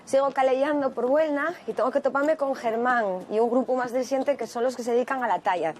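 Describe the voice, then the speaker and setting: A woman's voice: high-pitched, a little fast, over music. A woman with an Asturian accent hosting a travel show, chatty and teasing as she interviews villagers outdoors. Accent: Asturian Spanish. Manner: chatty, teasing, exclaims often. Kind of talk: on-the-street interviews. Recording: crowd chatter behind.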